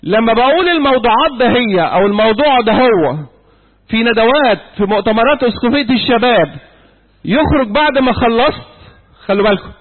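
A man's voice: very high-pitched, lively intonation, fairly quick. A man in his sixties with an Egyptian accent, lecturing young people at church, repeating key points and quizzing his listeners. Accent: Egyptian Arabic. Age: 60s. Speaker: church youth speaker. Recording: tinny phone-like audio in a reverberant hall.

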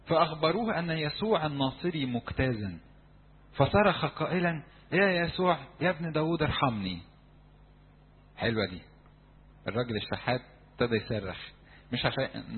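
A man with an Egyptian Arabic accent preaching a sermon to young people in a church, animated and acting out crowd voices. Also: mid-range voice, narrow, tinny audio, a little hiss or hum. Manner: animated, acts out crowd voices, shouts for emphasis.

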